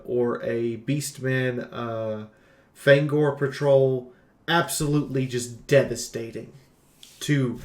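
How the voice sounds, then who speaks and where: Working from scripted notes but riffing freely, a streamer delivers a jokey, exclamatory game review in a casual tone. His voice is medium-pitched, and the recording sounds reverberant.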